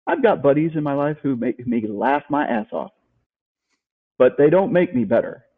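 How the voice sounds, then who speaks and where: Life coach guy on a call, husky voice, hammers his points home, sounds like a thin phone line. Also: on the high side, huge pitch swings, normal speed. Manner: emphatic, repeats key points, asks rhetorical questions. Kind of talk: motivational interview talk.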